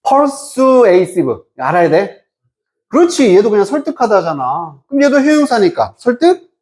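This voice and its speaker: A man teaching an English reading lesson, asking and answering his own questions and drawing out English words slowly. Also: high-pitched, big pitch swings, a little mellow. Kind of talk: lecture.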